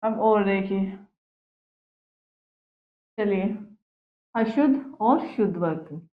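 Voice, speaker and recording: A woman's voice: medium pitch, animated, slow pace, echoey room, dull audio. A woman teaching a Hindi grammar lesson to children, patiently repeating each word twice and asking questions back to the class.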